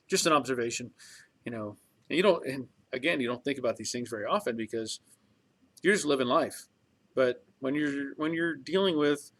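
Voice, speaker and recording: A man's voice: medium pitch, a bit bright. Man in his fifties, casual livestream host, rambling, reflective, lots of fillers. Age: 50s. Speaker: livestream host reading viewer comments. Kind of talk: casual chat.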